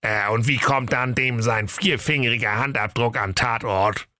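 A man voicing a sly, defensive big bad wolf in a gravelly, dismissive way. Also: medium pitch, moderate pace, bright, forceful tone, no room sound, studio quality, voice pushed up, lightly acted. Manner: gravelly, dismissive, casual colloquial.

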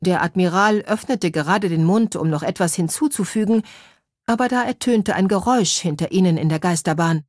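A woman narrating a children's story in a clear, measured way. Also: on the low side, darkish tone, dry recording, clean studio sound.

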